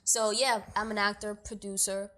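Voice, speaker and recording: A young adult woman from the Dominican Republic, raised in New York, chatting as a guest actor and producer in a casual interview, lively and quick to joke and laugh. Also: medium pitch. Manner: lively, joking, laughs often.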